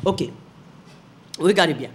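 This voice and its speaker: A woman's voice: on the low side, takes it slowly, a little hiss or hum. A woman giving a televised Bible teaching, emphatic, repeating her phrases and asking the viewers rhetorical questions.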